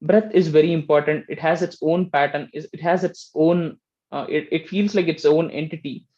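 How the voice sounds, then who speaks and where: A man teaching meditation in a gentle, explaining way, often checking in with "right?". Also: a little high, steady tone, normal speed, dull audio. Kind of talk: casual spiritual teaching talk.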